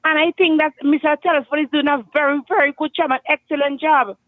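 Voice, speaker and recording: A woman's voice: high-pitched, fairly even intonation, quick pace, no room sound. A woman from Grenada with a Grenadian accent, calling in to a radio talk show and speaking earnestly, repeating her points for emphasis. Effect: clipped phone line. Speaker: caller. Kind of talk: call-in radio chat. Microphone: telephone. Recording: tinny dry phone line.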